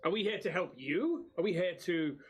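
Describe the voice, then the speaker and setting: A man's voice: high voice, lively intonation, normal speed, slight background noise. A man chatting casually as a player in a tabletop role-playing game, with sweary slang.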